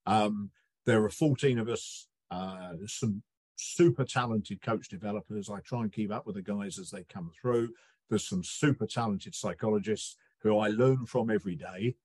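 Middle-aged guy guesting on a podcast, husky voice, lively storyteller, dry close sound. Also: on the low side, no echo. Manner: animated storyteller, acts out quick quoted voices. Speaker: guest, coaching researcher. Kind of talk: relaxed interview conversation.

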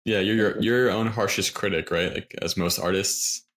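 A man's voice: sits low, fairly even intonation, moderate pace, fairly bright tone. A man hosting a podcast who chats in an upbeat, encouraging way. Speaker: podcast host. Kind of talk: casual interview conversation.

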